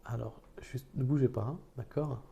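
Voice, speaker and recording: A man's voice: mid-range voice, fairly even intonation, moderate pace, creaky, dark tone, breathy edge. A man casually chatting to his viewers during a live stream, talking into a phone. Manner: chatty and improvised, talks to his chat.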